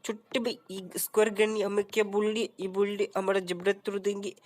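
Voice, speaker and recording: A woman's voice: medium pitch, flat delivery, fairly quick, a little mellow, natural voice. A woman voicing a naive, clueless cartoon boy with a whiny, questioning delivery in a comic gameplay voice-over. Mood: giggly.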